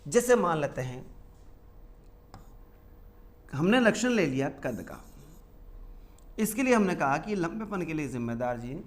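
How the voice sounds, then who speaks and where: A male teacher giving a classroom lecture. He asks the class questions and answers them himself, and he repeats key terms slowly. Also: on the high side, very animated.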